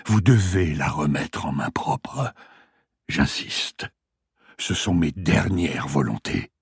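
A man reading aloud, voicing a haunted, dying old man in a hospital bed who speaks in a weak, hushed, breathy way. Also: rumbling low, lively intonation, slow pace, no echo, clean studio sound, pitched below the performer's own voice, heavily acted. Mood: pleading.

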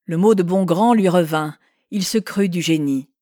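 A woman narrating a classic novel in a measured, expressive reading. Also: on the low side, dry recording, studio quality. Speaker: audiobook narrator.

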